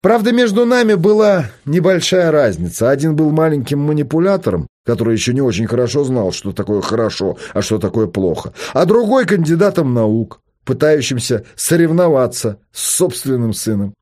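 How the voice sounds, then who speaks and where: A man reading a novel aloud, voicing a provocative adult son who needles and shouts at his father. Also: mid-range voice, big pitch swings, normal speed, hardly any pauses, pitched above the performer's own voice. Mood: needling. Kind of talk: audiobook character voice.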